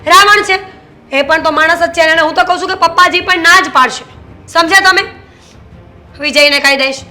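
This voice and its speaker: A sharp-tongued young daughter-in-law, acted by a woman in a family drama, scolding with sarcasm. Her voice sits very high and sounds bright and tense. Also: steady tone, moderate pace, full character voice. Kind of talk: Gujarati short film acting.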